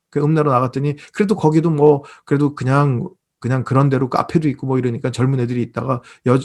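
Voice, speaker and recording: Gravelly male pastor telling stories. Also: medium pitch. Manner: animated storytelling, acts out characters. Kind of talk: online Bible lecture, sermon. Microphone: video call.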